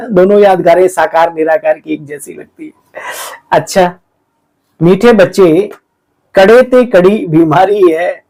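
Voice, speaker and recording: A man giving a lively spiritual sermon, exhorting his listeners and often calling them sweet children. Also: sits high, vocal fry, low-quality recording. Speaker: spiritual teacher explaining the daily murli.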